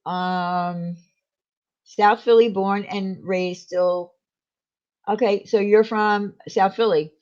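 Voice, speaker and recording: Over dull lo-fi livestream audio, a New York host chats slowly through viewer comments with fairly even intonation and a darkish, medium-pitched tone. Her manner is rambling and talkative, and she laughs easily.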